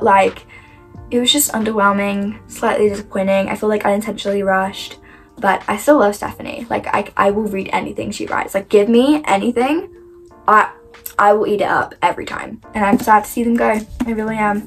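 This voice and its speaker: A young woman talks through her reading wrap-up in a casual, gushing way, peppering everything with "like" and leaping up in excitement. Her pitch sits in an ordinary middle range for a woman. Faint music plays softly behind her. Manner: gushing, animated, heavy use of "like". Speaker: book reviewer.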